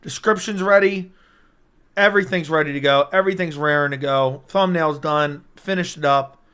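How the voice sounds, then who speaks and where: A young man, an MMA YouTuber, hosts a livestream on his personal streaming mic, rambling and hyped as he reads and answers viewer comments as they arrive. His voice is strained and keeps cutting in and out, yet its underlying tone stays clear; it sits a little high for a man and is a bit bright.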